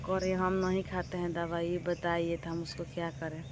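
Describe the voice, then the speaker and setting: A woman's voice: on the low side, level tone, moderate pace, noisy background. Exasperated village vlogger woman. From Bihar, India. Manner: exasperated, complaining, addresses viewers directly. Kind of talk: casual vlog storytelling. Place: doorway of a village house, outdoors.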